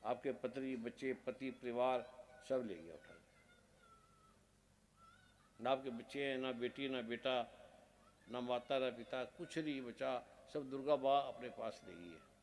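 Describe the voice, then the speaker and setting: A man's voice: medium pitch, measured pace, long pauses, slight background noise. A man, a spiritual guru, preaching a devotional sermon in short, repeated phrases, stern and earnest.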